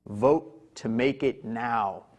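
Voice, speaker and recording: A man's voice: medium pitch, very slow, darkish tone. A young man co-hosting a casual gaming talk show, easygoing and talking with lots of "like" and "you know". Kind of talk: casual chat.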